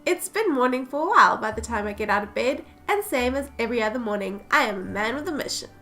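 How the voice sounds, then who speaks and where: A woman voicing a lazy, gruff male cowboy detective, reading his lines with a low drawl. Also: animated, fast talker, bright, forceful tone, faint music behind.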